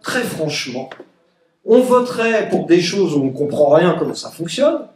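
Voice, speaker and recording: This Egyptian political speaker has a fairly high, somewhat dark voice with wide swings in pitch, talking at a normal speed. Addressing a public meeting in a reverberant room, he mocks his rivals with emphatic sarcasm and parodies their words in put-on voices.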